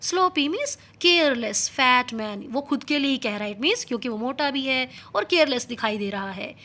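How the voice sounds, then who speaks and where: A woman teaching English, reading a story's English text slowly and then explaining it in Hindi. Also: high voice, animated, pushed and bright.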